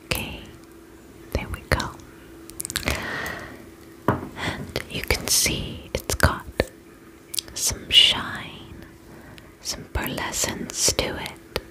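In an ASMR personal-attention roleplay, a woman plays a spa attendant, whispering breathily in a gentle, soothing and reassuring way. She goes extremely slowly with long pauses, and the recording is rough.

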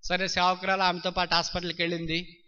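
A man preaching a sermon, telling a story and acting out its dialogue in animated voices. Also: high-pitched, quick pace, clean tone. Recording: dull lo-fi sound.

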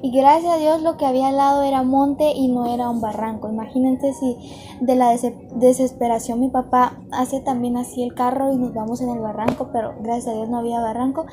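Woman vlogging a storytime, high voice, chatty and earnest, music in the back. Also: steady tone, fairly quick. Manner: chatty, earnest, addresses viewers directly. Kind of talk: casual storytelling to camera. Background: background music.

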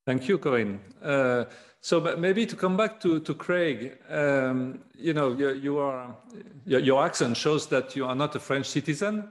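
A man's voice: medium pitch, measured pace. A man moderating a roundtable, thanking speakers and asking his questions hesitantly, with many fillers. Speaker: panel moderator.

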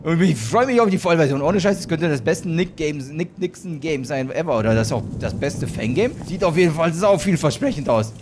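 Let's play host, male, jumpy and loud when scared, animated voice. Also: on the high side, a little fast, hardly any pauses, noisy background. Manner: excitable, swearing, shrieks when scared. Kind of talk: gaming commentary.

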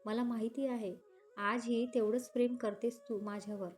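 A woman voicing a possessive, insistent young man in a read-aloud romance story, forceful and pleading. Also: very high voice, little pitch movement, moderate pace, faint music behind.

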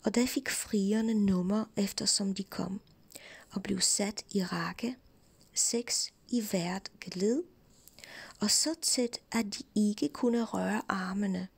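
A woman telling a fairy tale in whispered role-play, in a soft unvoiced whisper close to the mic. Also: mid-range voice, vocal fry, husky. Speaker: storyteller.

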